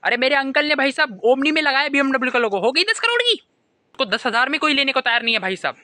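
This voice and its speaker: A young man telling a comic monologue to camera, animated storytelling that keeps circling back to a catchphrase. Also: very high-pitched, quick pace, no echo. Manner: animated storytelling, keeps repeating "bhai sahab". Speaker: comedy vlogger. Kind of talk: stand-up style comic monologue.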